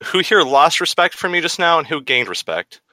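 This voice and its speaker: A man's voice: fairly high pitch, sing-song, a little fast, bright, forceful tone, no echo. A man co-hosting a casual chat from his bedroom, joking at his own expense and swearing freely. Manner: self-mocking, swears freely. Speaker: podcast co-host. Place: bedroom at home.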